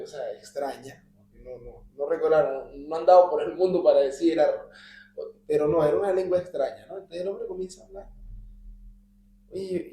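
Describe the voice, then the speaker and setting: A man shares a personal story with his Bible study group, his voice fairly high and mellow. He drops almost to a whisper when he repeats his prayers. The recording sounds roomy, with a faint hum underneath. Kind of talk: telling a personal story in conversation. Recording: echoey room with faint hum.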